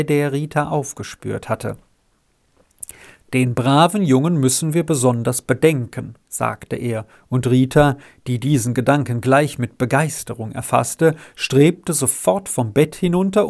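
Slow, gravelly male storyteller. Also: medium pitch, darkish tone. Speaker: audiobook reader. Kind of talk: scripted narration.

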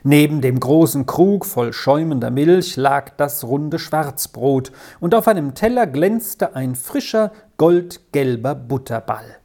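A woman narrating a storybook in a calm, measured way. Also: deep voice. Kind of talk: storybook reading.

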